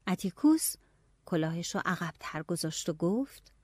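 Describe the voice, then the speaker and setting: A woman narrating a novel in the first person, telling it in a lively, expressive way. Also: lowish voice, breathy edge, no room sound. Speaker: audiobook narrator.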